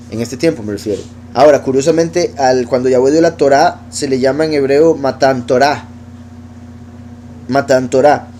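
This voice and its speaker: Man as a Bible study teacher, mellow tone, faint noise behind him. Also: mid-range voice. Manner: explanatory, reads verses aloud and pronounces Hebrew words slowly. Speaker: teacher of scripture.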